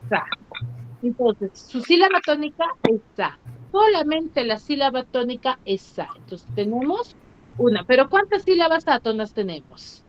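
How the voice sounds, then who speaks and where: Teaching an online class at normal speed, a woman with a high voice and big pitch swings quizzes her pupils and stretches syllables for emphasis, with soft music in the background. Her computer mic on the video call gives slightly muffled audio.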